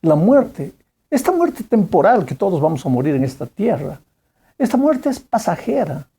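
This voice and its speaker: Animated preacher with a husky, warm voice. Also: mid-range voice, normal speed. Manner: animated storytelling, repeats phrases; asks the listener direct questions. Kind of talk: sermon.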